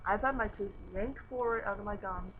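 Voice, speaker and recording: A woman's voice: mid-range voice, fairly quick. A young woman chatting casually and candidly to camera, her speech slightly impeded by a dental retainer. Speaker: vlogger. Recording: noisy, dull narrow-band home recording.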